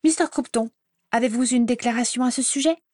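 A woman's voice: fairly high pitch, fairly quick, mellow, no room sound, studio quality, pitched above the performer's own voice, close to an everyday voice. Rita Skeeter, a woman voicing a thin-voiced, pushy reporter. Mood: gushing. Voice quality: thin, reedy voice. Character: brash, pushy young woman gossip reporter.

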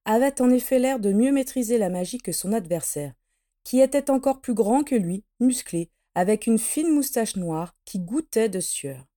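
A woman narrating a fantasy story in a steady, measured audiobook reading. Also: medium pitch. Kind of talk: audiobook narration of fan fiction.

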